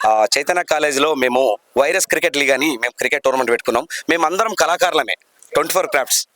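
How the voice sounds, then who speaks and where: A man's voice: a little high, expressive, very fast, fairly bright tone. A man with a Telangana Telugu accent, an artist and player, speaking fluently to camera as if giving a speech. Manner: fluent, speech-like, addresses viewers. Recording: noisy outdoor event.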